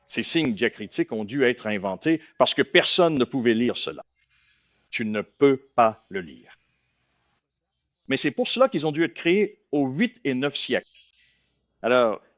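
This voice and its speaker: A man's voice: medium pitch, no echo. Guy lecturing a crowd, up and down voice, dry close sound, always asking "ok?". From India. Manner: keeps checking in with listeners, questioning and emphatic. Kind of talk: lecture to a live audience.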